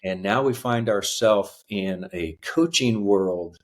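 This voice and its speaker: Man, 50s, earnest storyteller, low voice, many ums and pauses. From United States. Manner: earnest, halting with many fillers. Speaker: podcast guest. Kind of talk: reflective personal storytelling.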